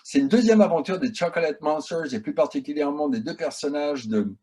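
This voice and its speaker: Husky, mellow-voiced man telling stories. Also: a little high, brisk. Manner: chatty, animated storytelling. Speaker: guest filmmaker. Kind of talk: casual interview answers.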